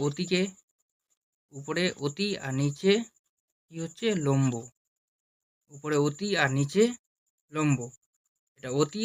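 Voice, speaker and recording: Guy teaching math real slow, keeps asking then answering himself. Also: fairly high pitch, a bit bright. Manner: slow, repeats each step and asks questions to answer itself. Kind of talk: classroom-style lesson.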